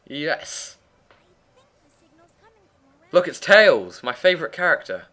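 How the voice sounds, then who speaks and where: A man's voice: fairly high pitch, very animated, slow pace, sharp tone. A man giving casual, opinionated let's play commentary in a chatty way. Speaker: gaming commentator and player. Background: faint game music and sound.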